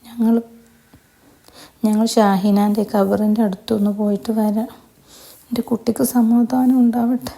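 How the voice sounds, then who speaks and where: A woman voicing a grieving widowed religious teacher, a gentle father who talks tearfully. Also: on the high side, level tone, unhurried, vocal fry, long pauses. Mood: calm. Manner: tearful, pleading.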